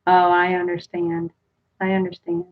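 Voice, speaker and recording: On a home livestream, this American vlogger in her forties works through her live chat comment by comment, speaking casually. Her voice sits low but swings widely in pitch, at a normal pace. She records in a small indoor room on a webcam's built-in mic, so the audio is a bit dull and lo-fi.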